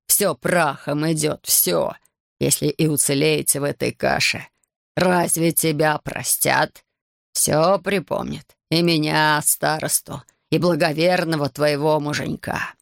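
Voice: medium pitch, vocal fry, no echo, clean studio sound. A reader doing a tearful old village elder. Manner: slow, pleading, whining.

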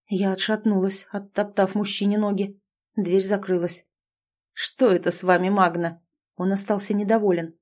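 A woman's voice: medium pitch, warm tone. A woman narrating a first-person fantasy novel as an audiobook, reading both characters' dialogue in her own voice.

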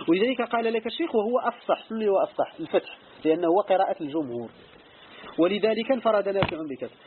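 Fast high-voiced Moroccan scholar teaching. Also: male voice, phone-quality sound, a little hiss or hum. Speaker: Islamic scholar teaching Quran commentary. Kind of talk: religious lesson commentary.

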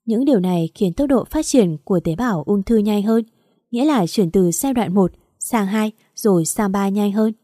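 A woman's voice: medium pitch, expressive, moderate pace, dark tone, dry recording, clean studio sound, close to an everyday voice. A woman voicing a blunt male doctor. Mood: matter-of-fact. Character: middle-aged male doctor, blunt and matter-of-fact.

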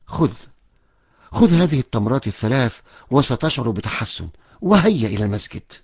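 An actor playing a kind, pious older grandfather who gives gentle instructions in a children's audio drama. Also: mid-range voice, sing-song, fairly quick, husky, no echo, highs cut off. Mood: warm.

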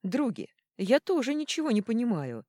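A woman's voice: on the high side, big pitch swings, normal speed, mellow, dry recording, clean studio sound, voice pushed up. A woman voicing a jovial, boisterous drunken dwarf king.

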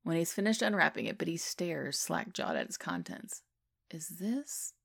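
A woman reading a fan fiction story aloud as narration in a steady, even way. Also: sits low, normal speed, gravelly, no room sound. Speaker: podfic reader.

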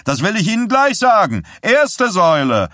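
A roaring candidate, high revival-preacher singsong, bellowing to a crowd, dry close sound, audiobook voice. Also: male voice, huge pitch swings, moderate pace, sharp tone, dry recording, heavily acted. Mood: bellowing rally. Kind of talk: audiobook character voice.

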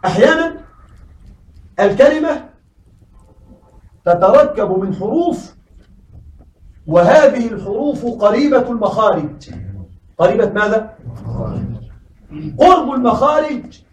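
Man teacher, very high voice, keeps quizzing the class, slow repeated words, echoey room. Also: animated, distant mic. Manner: questioning, repeats words slowly for students. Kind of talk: classroom lesson.

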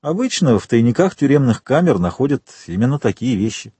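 An adult man voicing a rich, mysterious count with measured, restrained speech in a storybook reading. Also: mid-range voice, big pitch swings, mellow, husky, dry recording. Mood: calm. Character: wealthy mysterious count, calm and commanding.

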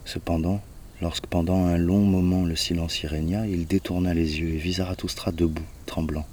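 A man reading an audiobook in a measured, even narration. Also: sits low, slight background noise. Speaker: audiobook reader. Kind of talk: audiobook narration of a philosophical poem.

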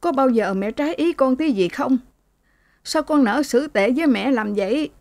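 A woman's voice: on the low side, unhurried, mellow, dry recording, natural voice. A woman voicing a poor, heartbroken older mother who pleads through tears, in an audiobook reading. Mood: pleading, tearful. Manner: pleading and tearful.

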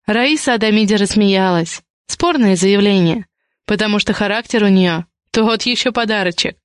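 A woman narrates a romance audiobook in a calm, even storytelling voice. Her pitch sits in the middle range for a woman. The recording is dry and close to the mic. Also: moderate pace, dry recording. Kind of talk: scripted narration of a romance novel.

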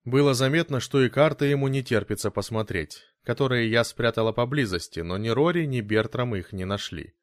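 A man's voice: medium pitch, brisk, few pauses, no room sound. Man narrating an audiobook, dry sound. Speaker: audiobook reader. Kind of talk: scripted narration.

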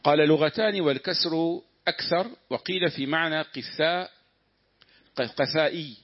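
Man, student reading a text aloud in class, measured delivery, muffled lo-fi recording. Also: a little high. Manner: measured reading, pausing for the teacher's comments. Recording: dull lo-fi lesson recording.

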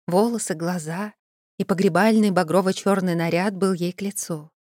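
Expressive woman reading a fantasy audiobook. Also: fairly low pitch, moderate pace, no echo, studio quality. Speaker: audiobook reader. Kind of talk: first-person fantasy audiobook narration.

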